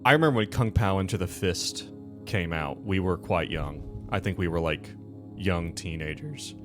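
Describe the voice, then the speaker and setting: A man with a very deep voice hosts and runs a tabletop game show, music playing behind him. His recap rambles casually at a normal pace, doubling back to correct himself as he goes.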